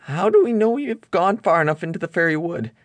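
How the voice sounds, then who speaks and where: Guy doing a jittery high pirate sidekick, nervous questions, dry audiobook sound. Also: lively intonation, fast talker, no room sound. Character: timid trembling young male pirate sidekick.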